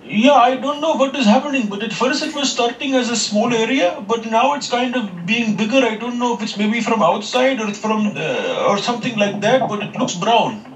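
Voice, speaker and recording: A man's voice: very high voice, expressive, moderate pace, hardly any pauses, a little hiss or hum, pitched above the performer's own voice. A man playing a polite, worried foreign husband on a prank call, with hesitant, awkward phrasing. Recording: roomy, distant phone-call playback.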